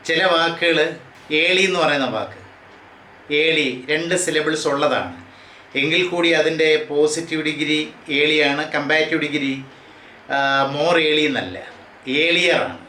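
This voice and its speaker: A man lectures on grammar for exam students, his voice bright and a little high. He reads each rule out slowly, then drills the word forms one after another. The room is echoey, with a faint hum of ambience behind him. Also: steady tone. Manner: reads English rules out slowly, then explains them at a quicker pace. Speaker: English grammar teacher.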